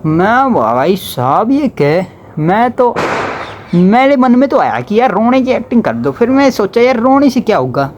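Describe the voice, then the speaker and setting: A young man tells a casual storytime in a high-pitched voice that thickens when he quotes relatives and teachers. His delivery is chatty and loose. A faint hum of background noise sits under the recording. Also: sing-song, moderate pace, a little mellow, highs cut off. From Haryana, India. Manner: chatty, slips into dialect when quoting others.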